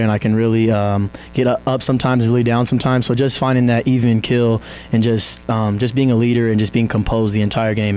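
Young guy after a game, low monotone, slow with lots of ums, faint hum behind. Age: young adult. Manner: soft-spoken, halting, many ums. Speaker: college basketball player. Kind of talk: postgame interview. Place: press backdrop indoors. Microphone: handheld mic held by interviewer.

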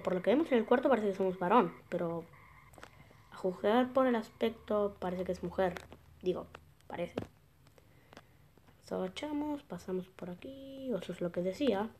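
A woman's voice: mid-range voice, darkish tone. A woman hosting a gameplay video, chatting casually as she plays and thinking aloud, with sudden surprised exclamations.

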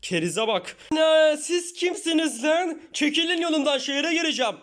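In a Minecraft parody, a man with a very high, fairly bright voice and lively intonation, at a moderate pace, plays a short-tempered young newcomer. Fed up, the character grumbles at anyone in his way and sighs "tövbe tövbe".

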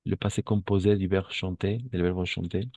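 A man teaching a French lesson in Spanish, patiently repeating and spelling words out slowly. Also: low-pitched, flat delivery, a little mellow, no room sound. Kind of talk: online language lesson.

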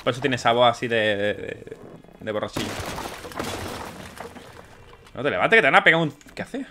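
A young man doing let's play commentary, excitable and swearing as he plays. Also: mid-range voice, normal speed, noisy background. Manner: excitable, swears often, exclaims mid-game. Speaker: gaming YouTuber.

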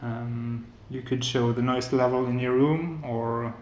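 Unhurried, steady and medium-pitched, a Norwegian-accented man in his thirties from Norway gives a casual tech demo of a hobby electronics build at home. This hobbyist maker is soft-spoken and hesitant, using lots of filler sounds. The recording, made indoors in his apartment living room and kitchen, sounds echoey and has slight background noise.

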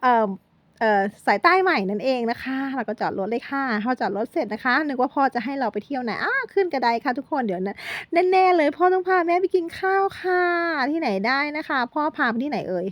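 A middle-aged woman vlogger narrates a day trip, chatting straight to her viewers the whole time and joking as she playfully corrects herself. Her high-sitting voice is lively in intonation and fairly quick, with no room sound.

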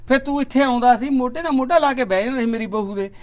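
A man's voice: very high voice, quick pace. A man with a Punjabi accent acting in a comic village drama, pleading and grumbling as an older brother.

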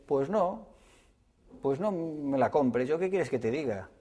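A man voicing a calm, middle-aged business owner who answers plainly and a little quietly. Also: on the high side, slow. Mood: matter-of-fact.

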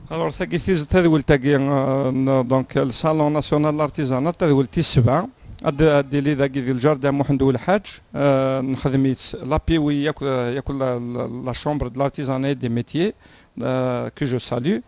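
A man's voice: medium pitch, steady tone, fast, a little mellow, dry recording. A man interviewed indoors by a tiled wall, holding a handheld mic, with many fillers. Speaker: local official.

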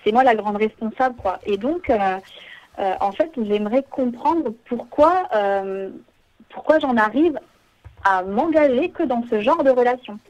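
A woman calling a radio show, confiding her problem hesitantly with many pauses. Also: on the high side, expressive, a little mellow, highs cut off. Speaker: caller. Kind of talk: phone-in call.

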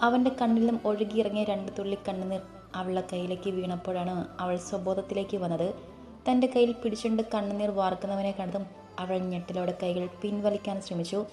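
Woman, storybook narrator, steady reading, echoey room, faint music. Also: on the low side. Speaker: audiobook narrator.

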